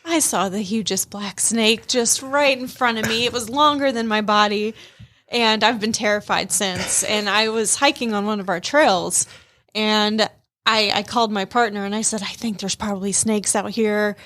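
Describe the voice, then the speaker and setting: A young woman from Minnesota who grew up in Georgia speaks with a blend of Midwestern and Southern US accents as a radio interview guest. A hospitality and events manager, she is a chatty, animated storyteller who laughs easily. Her mid-range voice moves at normal speed, with no room sound.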